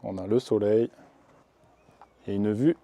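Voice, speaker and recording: Man vlogger, French speaker, low warm voice, casual and upbeat to camera. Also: steady tone, slow pace. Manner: chatty and upbeat, thinking aloud. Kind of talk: casual travel vlog. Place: outdoors in a small town, street and terrace.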